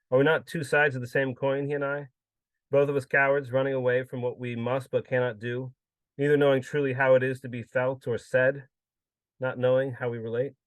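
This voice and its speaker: A man giving a measured, solemn reading of his own literary prose. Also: mid-range voice, no room sound. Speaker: contributor reading his story.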